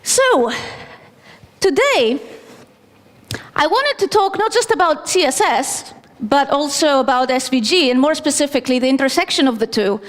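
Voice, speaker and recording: A woman's voice: sits high, animated, moderate pace. Conference speaker, woman from Greece, thirties, casual and self-deprecating, stage mic in a reverberant hall. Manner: chatty, self-deprecating, with fillers. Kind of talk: technical conference talk. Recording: long reverb of a large hall.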